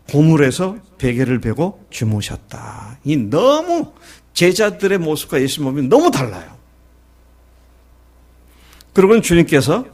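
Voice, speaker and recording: A middle-aged male pastor preaching a sermon, who asks his listeners questions and acts out the quoted lines of the story. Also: on the high side. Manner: lively preaching, acting out Jesus and the disciples in quoted lines; asks the congregation questions and answers them.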